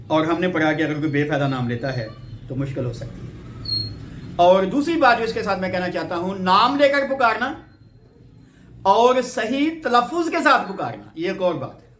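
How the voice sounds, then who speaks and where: Giving a step-by-step Bible lecture, a man from Pakistan poses rhetorical questions to check in with listeners. His voice sits high, expressive and a bit bright, recorded with a roomy echo and slight background noise.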